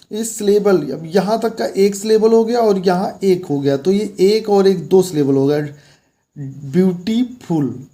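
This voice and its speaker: A man's voice: high voice, mellow. A man teaching an English grammar lesson, explaining patiently and repeating key words as he points things out on a board.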